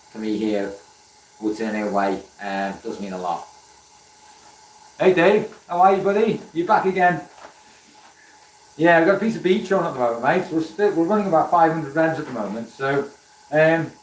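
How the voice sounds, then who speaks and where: A Welsh woodturning livestream host with a South Welsh accent chats casually as he works in a workshop with a lathe running. His medium-pitched voice sounds reverberant and distant in a low-quality recording, and he greets viewers by name in a friendly way, using plenty of fillers.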